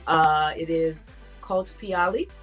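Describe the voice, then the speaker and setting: Lower-pitched woman interview host. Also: steady tone, a little slow, fairly bright tone, soft background music. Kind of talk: conversational interviewing.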